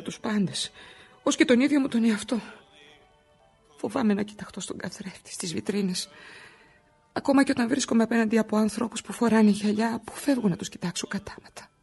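Husky, frightened immigrant wife. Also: female voice, medium pitch, a little mellow, full character voice. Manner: emotional, confessional monologue. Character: frightened, exhausted wife, an immigrant feeling alone. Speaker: wife of an injured worker. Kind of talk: radio drama acting.

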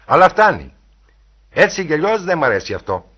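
A man reading a novel aloud, voicing a bold, teasing young gentleman. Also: fairly low pitch, sing-song, exaggerated voice.

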